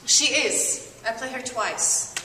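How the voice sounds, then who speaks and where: A woman, a stage actor, chats about her roles with giggles and coy evasions. Her voice sits a little high and comes from some distance. A roomy theatre echo and clear background noise surround her. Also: slow pace, pushed and bright. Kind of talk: casual interview answers. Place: theatre hall. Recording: distant mic in echoey theatre, noisy.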